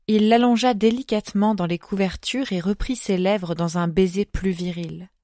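A woman with a mid-range voice reads scripted narration for an audiobook, measured and expressive. The studio recording is clean, with no room sound.

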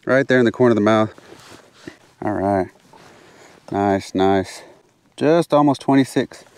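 A fishing channel host narrates his trip to camera from a kayak on open water, excited and repeating phrases, a little breathless from the heat. His voice is on the low side, clear and resonant, at a measured pace, and he drops to hushed whispers while sight casting.

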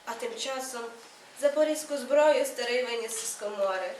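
A young woman student reading a poem aloud in a soft, measured recitation at a college. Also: a little high, slight background noise. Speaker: student reader. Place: college hall. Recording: echoey room, read from far off.

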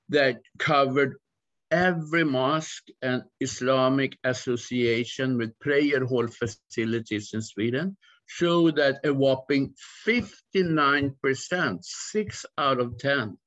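Older guy lecturing slow on a video call, kinda muffled, lots of uh. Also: mid-range voice, a bit bright. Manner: measured, slow lecturing with fillers. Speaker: academic presenter. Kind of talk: online conference talk. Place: home study with bookshelves.

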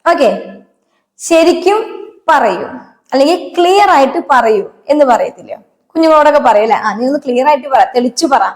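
A woman with a high voice teaches a spoken language lesson, saying each phrase slowly and more than once. She keeps asking her listeners if they remember or understand. The room around her sounds echoey. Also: expressive. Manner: patient, repeats each phrase slowly, asks quiz questions. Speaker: Hindi teacher.

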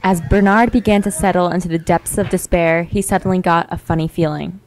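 A young woman narrating a mock-epic tale in a wry, deadpan storytelling manner. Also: fairly low pitch, brisk, soft background music, low-quality recording. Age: young adult.

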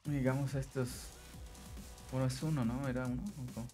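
A woman reacting to a manga chapter, excitable and quick to laugh or exclaim, often searching for words. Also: rumbling low, soft background music. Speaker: manga reaction channel host. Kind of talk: casual manga reaction, reading dialogue aloud.

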